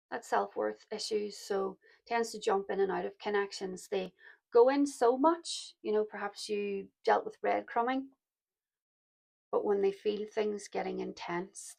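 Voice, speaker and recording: A woman with a heavily croaky, gravelly voice talks through a pick-a-card tarot reading. Her pitch sits in the middle range, and she speaks in a soft, reflective way, calling her listeners her loves. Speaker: tarot reader.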